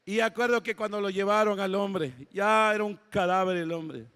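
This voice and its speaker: A man with a Mexican accent preaching a sermon, telling dramatic stories and rising to shouted exhortation. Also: high-pitched, normal speed, smooth. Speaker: pastor. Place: church auditorium. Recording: long church-hall reverb.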